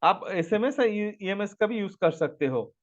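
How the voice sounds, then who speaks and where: Male trainer, high voice, patient step-by-step teacher reading numbers aloud, lo-fi stream sound. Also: lively intonation, normal speed. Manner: explains step by step, reading chart figures aloud; asks the audience to answer. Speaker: stock market trainer. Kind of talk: live online trading class.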